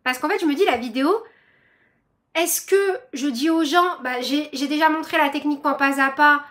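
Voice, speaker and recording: A woman's voice: high-pitched, normal speed, fairly bright tone. A young woman, hosting a crochet vlog and chatting to her viewers in a bubbly, rambling way full of fillers. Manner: bubbly, self-described chatterbox, lots of fillers. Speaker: crochet channel host.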